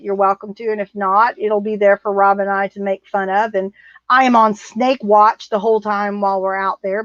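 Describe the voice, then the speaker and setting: A woman's voice: mid-range voice, a bit bright, no room sound. A middle-aged woman co-hosting a livestream, reading viewer comments in a blunt, rambling casual chat. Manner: blunt, rambling, laughs often. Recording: muffled, dry sound.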